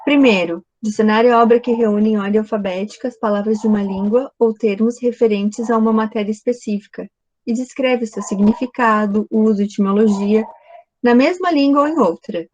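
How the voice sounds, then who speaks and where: A woman's voice: on the high side, a little fast, darkish tone, a little hiss or hum, low-quality recording. A woman teaching a recorded video lesson, explaining step by step and often checking in with the class.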